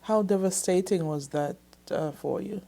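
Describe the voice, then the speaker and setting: A woman hosting a studio interview, guiding the talk with encouraging questions and steady murmured affirmations. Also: lowish voice, a little slow, vocal fry. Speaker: host.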